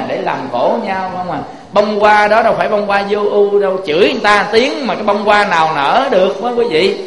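Man, Southern Vietnamese accent, Buddhist sermon, high voice, rhetorical questions to the audience, long hall reverb. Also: fairly bright tone. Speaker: Buddhist monk preaching.

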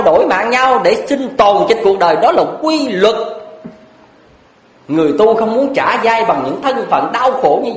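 High, lively-voiced monk preaching. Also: male voice. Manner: earnest, blunt, emphatic with rhetorical questions. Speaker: Buddhist monk. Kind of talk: dharma talk. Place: lecture hall. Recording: echoey hall.

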